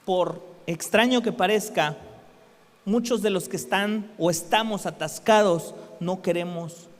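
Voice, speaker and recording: A man's voice: high-pitched, a little slow, in a large hall. A man preaching a sermon in a conversational way, asking the congregation rhetorical questions.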